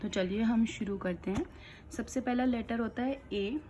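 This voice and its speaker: A woman teaching young children letter sounds, explaining each one slowly and clearly. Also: fairly high pitch, mellow. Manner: slow, clear, patient explaining. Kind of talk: kids' phonics lesson.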